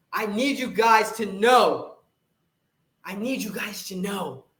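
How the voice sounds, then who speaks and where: A man's voice: sits high, fairly bright tone, echoey room. A man who coaches fitness and hosts a podcast, delivering an intense, profane, fired-up motivational monologue.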